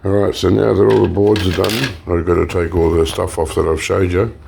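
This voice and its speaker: Background noise accompanies a recycling channel host with a deep voice as he casually takes electronics apart. Relaxed, he explains while working, slightly hoarse and clearing his throat, pausing with fillers and restarting sentences often.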